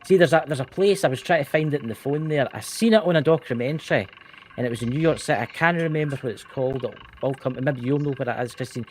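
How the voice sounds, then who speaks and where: A man chatting as an interviewer, halting and repeating his first words as he gets going. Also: mid-range voice, rough recording. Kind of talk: casual interview chat. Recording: faint background noise.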